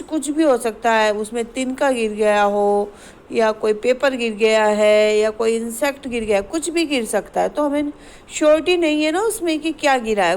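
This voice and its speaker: A high-voiced woman teaches schoolchildren a Hindi grammar lesson, patiently explaining an exercise, asking the class questions, and reading each example sentence slowly. The audio is poor, with faint background noise underneath.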